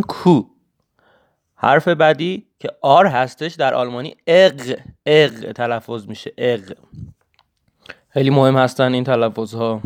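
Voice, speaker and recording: Smooth-voiced man teaching the alphabet. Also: mid-range voice. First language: Persian. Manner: slow, careful letter-by-letter pronunciation drills. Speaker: German language teacher. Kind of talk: voice-note language lesson.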